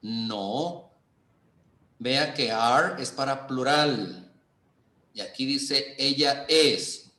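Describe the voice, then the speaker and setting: A man teaching English in Spanish with a Mexican accent, explaining slowly and patiently and repeating example sentences. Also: mid-range voice, pushed and bright, roomy sound. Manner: slow, patient, repeats phrases and stresses intonation. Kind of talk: online class explanation.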